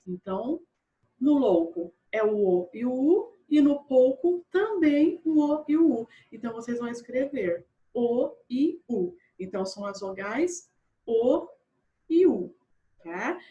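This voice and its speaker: A woman teaching a primary school grammar lesson online, patient. She repeats and spells out words slowly and often checks in with her pupils. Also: fairly high pitch, mellow.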